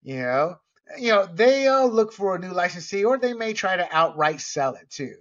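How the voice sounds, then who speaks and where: A man's voice: high-pitched, big pitch swings, normal speed, fairly bright tone. A man from Panama hosting a casual monologue, blunt and ranting, with frequent filler words and the odd swear. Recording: dull lo-fi audio, distant from mic.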